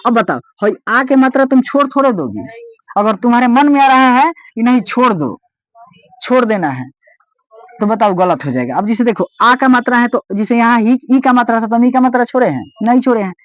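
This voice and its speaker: In this recorded Hindi grammar lesson, the teacher has a Bihari accent and an expressive, medium-pitched voice with no room sound. He explains patiently and at length, step by step, repeatedly asking if students follow. The audio is lo-fi, dull, and dry.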